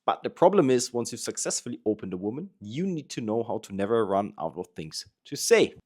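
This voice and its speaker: A male dating coach talks over footage with a lowish voice. He explains in an emphatic, instructive way, picking up speed on key points. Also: sing-song, brisk, darkish tone, breathy edge. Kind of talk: voice-over commentary.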